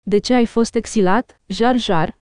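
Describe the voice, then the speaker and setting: An earnest young male Jedi apprentice, read aloud by a woman, plain and direct in how he speaks. Smooth and mellow, recorded close and dry. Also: a little high, no room sound, close to an everyday voice. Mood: incredulous.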